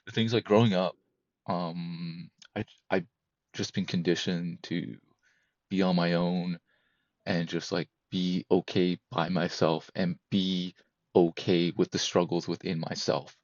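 A man in his thirties, a podcast guest, talking candidly and emotionally in a halting, repetitive way that keeps circling back. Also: sits low, little pitch movement, no echo, highs cut off. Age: 30s. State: emotional, close to breaking. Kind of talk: candid personal conversation.

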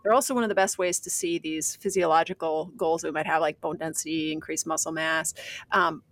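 A woman's voice: low-pitched, fairly even intonation. A woman co-hosting a podcast, talking casually and enthusiastically about training goals. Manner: enthusiastic, quick to laugh. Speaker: podcast co-host.

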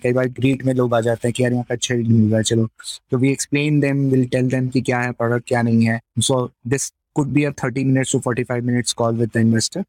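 Very fast-talking North Indian man. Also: medium pitch, darkish tone, no echo, poor audio. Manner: often tags statements with a questioning "right?". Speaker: fintech company representative being interviewed. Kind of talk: conversational product explanation, mixing English and Hindi.

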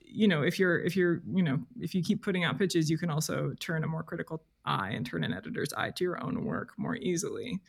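A freelance journalist appears as a podcast guest, chatting casually while she thinks and hesitates her way toward her point. Her voice sits low and is gravelly and slightly rough, expressive, a bit fast, with few pauses.

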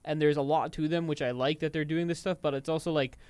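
A man's voice: on the high side, steady tone, fast, a little mellow, clean tone, dry recording. A young man co-hosting a podcast, chatting casually and rambling with many fillers. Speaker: podcast co-host. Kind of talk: casual chat.

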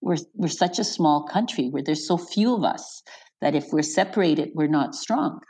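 A woman's voice: low voice, expressive, normal speed, slightly rough. A middle-aged woman from Croatia, a guest in an interview, talking casually and laughing often. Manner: chatty, warm-hearted, laughs often, restarts sentences. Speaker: interview guest, elected official.

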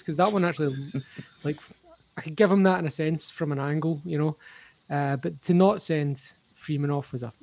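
A man's voice: fairly high pitch, gravelly, darkish tone, no echo. A man co-hosting a casual football podcast, opinionated and explaining the rules at length. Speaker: podcast co-host.

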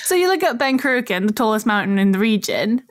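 A woman's voice: a little high, sing-song, quick pace, no echo. A woman co-hosting a podcast, explaining archaeology in a chatty, casual way and laughing often. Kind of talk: casual chat.

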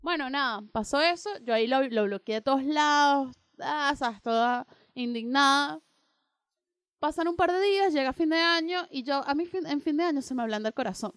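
A young woman co-hosting a radio show, casually telling a personal story and acting out both sides of the dialogue in an animated way. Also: sits high, moderate pace, no echo, clean studio sound. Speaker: radio co-host.

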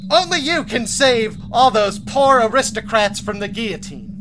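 A man's voice: very high-pitched, expressive, normal speed, background noise. A man voicing a smug, pompous trillionaire who speaks grandly. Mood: grandiose.

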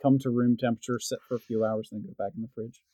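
A man's voice: mid-range voice, little pitch movement, mellow, no room sound. A man co-hosting a podcast, chatting casually and often asking questions and cracking jokes. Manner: chatty, quick to ask questions and joke. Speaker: podcast co-host. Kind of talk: casual chat.

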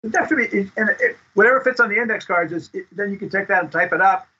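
A man giving advice as a script consultant guest in a casual interview, speaking haltingly and often repeating words. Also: sits high, bright, forceful tone, husky. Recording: dull lo-fi audio.

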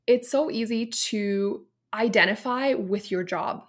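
A woman's voice: a little high, a little slow. A woman in her late thirties from Romania, a personal stylist speaking as a podcast guest, telling her story in an open, reflective way. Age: 30s. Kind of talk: casual interview chat.

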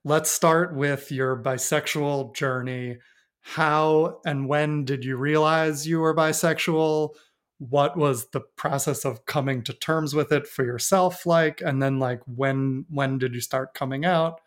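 A man's voice: fairly high pitch, fairly even intonation, slow. A man hosting a podcast, introducing and questioning a guest in a friendly way, often laughing. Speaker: podcast host. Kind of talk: interviewing a guest.

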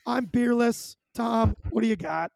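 High, gravelly-voiced male podcast host. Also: measured pace, a little mellow, dry recording. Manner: chatty, rambling, self-deprecating. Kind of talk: casual podcast chat.

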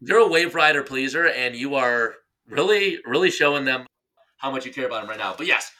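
Bright-voiced playful man talking football. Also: medium pitch, animated, a little fast. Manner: playful, teasing, rambling. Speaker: podcast co-host. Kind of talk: casual sports chat.

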